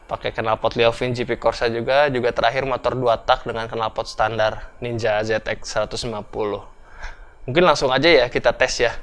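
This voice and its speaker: A young man, explaining things in a relaxed, chatty vlog and thinking aloud as he goes. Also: medium pitch. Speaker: motorcycle vlogger.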